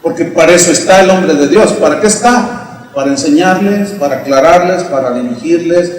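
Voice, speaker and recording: A Mexican pastor with a high voice preaches a vivid, dramatic sermon, acting out scenes and bursting into sudden shouts. His voice rings through a large, echoing church hall, with a long reverb tail. It sounds picked up from well back from the microphone. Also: normal speed. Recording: echoey hall recorded from a distance.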